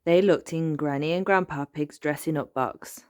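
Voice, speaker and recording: A woman hosting a channel, reading a children's storybook aloud in a gentle, clear, expressive way. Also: sits low, moderate pace.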